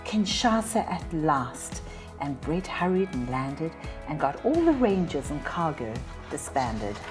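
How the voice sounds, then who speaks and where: A woman's voice: deep voice, sing-song, measured pace, soft background music. A woman reading a rhyming Christmas story aloud in a sing-song storytelling way.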